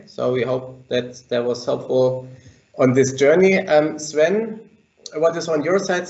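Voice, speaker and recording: Guy hosting a panel on a group voice chat, slightly high voice, roomy muffled call sound. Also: darkish tone. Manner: halting, restarts sentences with many fillers. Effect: group video call audio. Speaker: webinar moderator. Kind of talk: moderating a panel over a video call. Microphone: computer mic on a video call. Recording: dull, echoey call audio.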